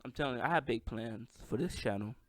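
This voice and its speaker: A man's voice: mid-range voice, quick pace, a bit bright, no room sound, studio quality. A man with a slight lisp and a stutter, hosting a casual solo podcast, hyped and self-deprecating. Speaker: podcast host. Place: at home with microphone.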